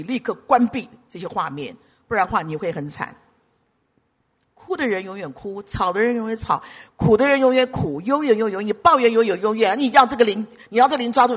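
A pastor preaching a sermon, emphatic and full of rhetorical questions, swinging between loud urging and hushed asides. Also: medium pitch, husky.

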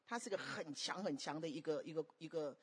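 A woman preaching a sermon, animated and constantly questioning the congregation. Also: sits low, a little fast, slightly rough.

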